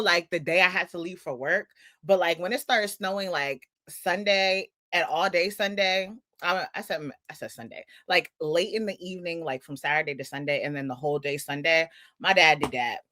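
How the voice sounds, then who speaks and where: Young woman, podcast co-host, casual animated storytelling, bright voice, dry close sound. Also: lowish voice, normal speed, dry recording. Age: 20s. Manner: animated storytelling, acts out dialogue. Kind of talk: casual chat.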